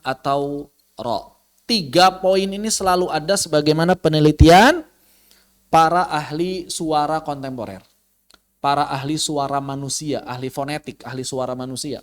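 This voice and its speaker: A man teaching an online tajwid lesson, explaining step by step, repeating key phrases and demonstrating letter sounds. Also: a little high. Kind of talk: online Quran recitation lesson.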